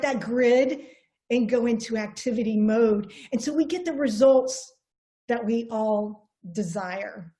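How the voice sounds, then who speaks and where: A middle-aged woman with a fairly high voice gives an online seminar over a video call. She tells stories with energy, restarting phrases as she goes, and leans on rhetorical questions. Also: darkish tone. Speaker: presenter.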